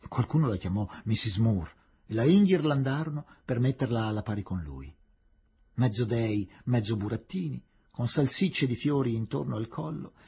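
Husky guy reading a novel aloud, very lively pitch. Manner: expressive, shifting dramatic reading. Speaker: reader.

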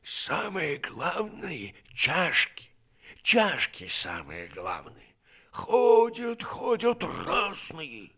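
A man voicing a decrepit, fretful old valet in an audiobook, mumbling toothlessly and breathlessly in a raspy, folksy, drawn-out way. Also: on the high side, wildly swooping pitch, bright, forceful tone, voice pushed up, exaggerated voice. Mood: fretful grumbling. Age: older. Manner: drawn-out rustic grumbling and lamenting. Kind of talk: audiobook character reading.

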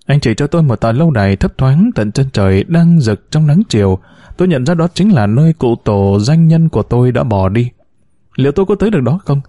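A man reads a novel aloud with a mellow, softly rounded voice. His pitch rises and falls freely as he tells the story. The recording is dry and close, with no room sound. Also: no echo, lo-fi sound. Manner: measured, expressive storytelling. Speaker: audiobook narrator. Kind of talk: scripted narration of a novel.

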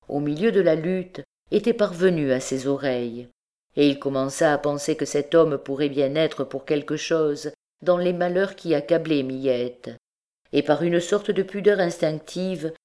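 A woman narrating a classic novel as an audiobook in a measured, deliberate way. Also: low-pitched, mellow. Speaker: audiobook reader.

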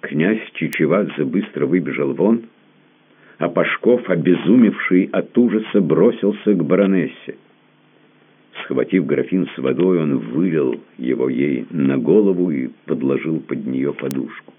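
A man narrating a literary audiobook in a dramatic, expressive reading. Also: extremely low pitch, unhurried, breathy edge. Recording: narrow phone-like band.

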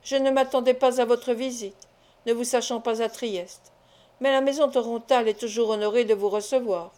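Uptight banker guy, formal and curt, woman reading, mellow tone. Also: on the high side, fairly even intonation, normal speed, natural voice. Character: wary middle-aged male banker, stiff and formal.

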